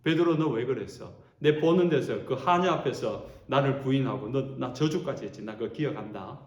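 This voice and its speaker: A man voicing Jesus as a grown man speaking plainly and quietly to his followers, heard in an echoey church sanctuary. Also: mid-range voice, normal speed, natural voice. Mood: quietly reproachful.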